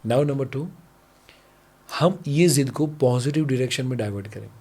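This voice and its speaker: A man's voice: mid-range voice, measured pace, darkish tone, husky. A man from India, a parenting coach, talking on a podcast and acting out dialogues between parent and child. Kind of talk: podcast conversation, Hindi-English mix.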